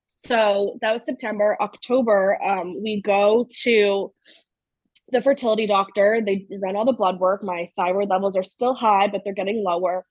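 A thirty-year-old woman speaks as a podcast guest and tells her own story in a casual, animated way, peppering it with "like". Her voice is breathy and a little husky. The sound is dry and close, with no room around it. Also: medium pitch, moderate pace, no echo, rough recording. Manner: animated, fills speech with "like".

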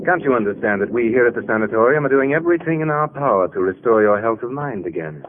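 An actor playing an earnest, weary sanatorium doctor with formal authority in a 1940s radio drama. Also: male voice, mid-range voice, expressive, quick pace, close to an everyday voice. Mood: concerned, probing. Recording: tinny, hissy vintage radio recording.

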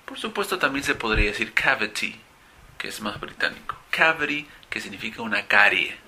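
A man teaching an English vocabulary lesson, stressing key words with sudden rises in pitch. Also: very animated, a little fast, sharp tone, slight background noise.

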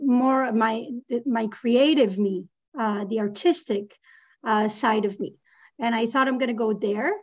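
The recording is muffled, and the voice is on the high side. It belongs to an Israeli-born real estate lending executive in her thirties, appearing as an interview guest and speaking hesitantly with frequent fillers and restarts.

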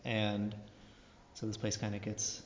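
A man's voice: lowish voice, completely flat delivery, unhurried, a little hiss or hum. A man hosting a casual podcast interview, his voice echoing around a big underground cave room. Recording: echoey cave, long reverb, dull sound.

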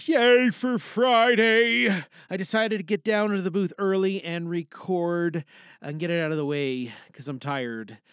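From a home recording booth with studio-quality sound and no room noise, a podcast host opens his show in a casual, chatty way. His voice sits high and is creaky, bright, and forceful, shifting into theatrical announcing and self-deprecating asides.

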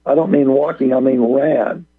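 A man's voice: mid-range voice, steady tone, moderate pace, breathy edge. A man calling into a radio talk show, telling a long story in a rambling way and acting out what others said. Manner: rambling, acts out quoted speech. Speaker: guest telling a court story. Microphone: phone call. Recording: tinny phone line.

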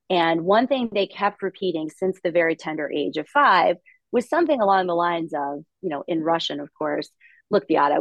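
A woman's voice: mid-range voice, no echo, highs cut off. Articulate woman telling her story. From Latvia. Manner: articulate, upbeat storytelling with light laughs. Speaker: podcast guest, investor. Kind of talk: conversational interview.

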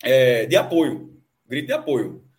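A man from Brazil, arguing football on a sports talk show, animated and insistent. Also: mid-range voice, a little slow, husky. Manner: argumentative, animated, repeats "veja só". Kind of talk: heated casual football debate.

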